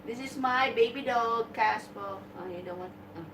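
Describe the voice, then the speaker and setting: A woman's voice: a little high, measured pace, recorded from a distance. A woman hosting a casual live stream, coaxing her dog and greeting viewers in a mix of Tagalog and English. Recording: echoey room, phone mic from afar, background noise.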